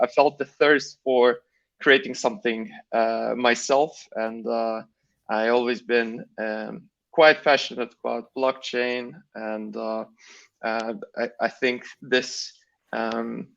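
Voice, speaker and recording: Slow, hesitant man from Lithuania. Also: mid-range voice, gravelly, a bit bright, dull audio. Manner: hesitant, many fillers. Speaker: guest. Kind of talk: live online interview.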